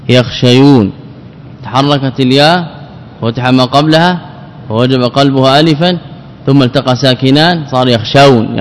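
Guy giving a grammar lesson, repeats words a lot, mid voice, hall echo. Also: medium pitch. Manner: repeats words, drills forms, asks and answers own questions. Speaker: teacher of Arabic grammar. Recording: long hall reverb.

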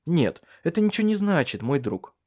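A man's voice: fairly high pitch, big pitch swings, moderate pace, a little mellow, voice pushed up. A man voicing a wry, stubborn bedridden husband in an audiobook, talking dryly and curtly. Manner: dry, curt, teasing. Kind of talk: audiobook character reading.

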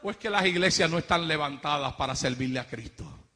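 A male pastor giving an impassioned sermon, shouting fiery lines and then dropping to low, quiet asides. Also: lively intonation, brisk.

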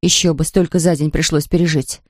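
A woman narrating a children's storybook in a calm, even storytelling manner. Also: low voice, a little fast, no room sound, clean studio sound. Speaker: audiobook narrator. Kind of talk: storybook reading.

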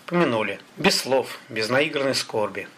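Мужчина ровно читает аудиокнигу вслух. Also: male voice, medium pitch, lively intonation, moderate pace, a bit bright, slight background noise. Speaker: audiobook narrator. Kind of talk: scripted narration.

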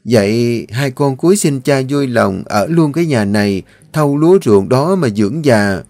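A man reading the part of a gentle, devoted young daughter addressing her father. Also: mid-range voice, animated, moderate pace, no room sound, lightly acted. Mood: tender.

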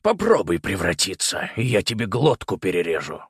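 A man's voice: medium pitch, sing-song, slow, vocal fry, fairly bright tone, dry recording, studio quality, full character voice. A man voicing a ruthless older grandfather, lord of birds, with a menacing, sneering manner. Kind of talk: audiobook character voice.

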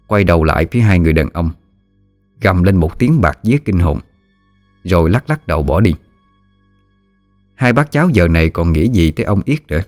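A man narrating a ghost story in a steady storytelling manner. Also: low voice, no echo. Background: soft music.

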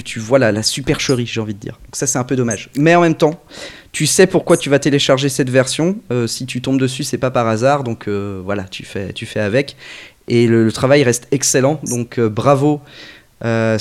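A man's voice: mid-range voice, normal speed. A man from France, a podcast co-host reviewing a fan dub in casual, rambling talk that keeps correcting itself. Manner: rambling, self-correcting, conversational. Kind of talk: casual group podcast chat.

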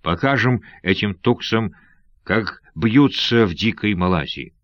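A man's voice: lowish voice, lively intonation, unhurried, dry recording. A fearless pirate captain, cool-headed and scornful, barking orders in a raised, ringing voice, as a male storyteller puts him on. The sound is dry and slightly dull, like a lo-fi recording. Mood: rallying shout. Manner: loud shouting commands.

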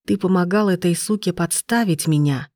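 Brief: woman reading a cold, brutal man, low and threatening, dry and close. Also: normal speed, a little mellow, no room sound, natural voice. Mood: furious.

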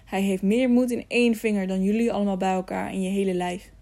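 A woman's voice: mid-range voice, steady tone, quick pace, gravelly, mellow, lightly acted. A woman reading an audiobook, voicing a stern, harsh male robber chief who barks commands. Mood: gruff. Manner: barking, commanding.

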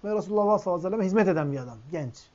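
A man gives a sermon in a somewhat high voice. He recites Arabic quotes, explains them line by line, and calls his listeners friends. The recording sounds dull and lo-fi. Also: animated, very fast, a little mellow. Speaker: Islamic preacher.

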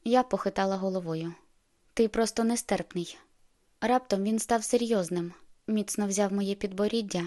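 A woman reading a novel aloud as first-person narrator, expressive and lively in the heroine's outbursts. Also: mid-range voice, moderate pace. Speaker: audiobook narrator.

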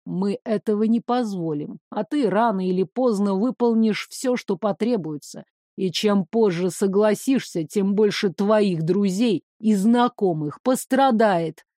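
A woman voicing a sadistic young male count who speaks in a soft, insinuating, mocking drawl in an audiobook. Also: mid-range voice, a little slow, no room sound, clean studio sound, natural voice. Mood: menacing.

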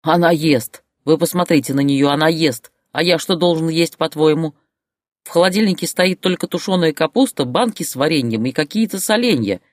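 In an audiobook character voice, a storyteller plays a furious, bullying husband who roars and barks insults in a rage. The voice is medium-pitched at a normal speed, lightly acted, and recorded with studio quality and no room sound.

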